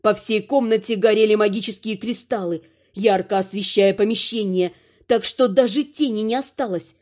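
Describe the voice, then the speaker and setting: A woman narrating a fantasy audiobook in an even, expressive storytelling manner. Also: mid-range voice, moderate pace.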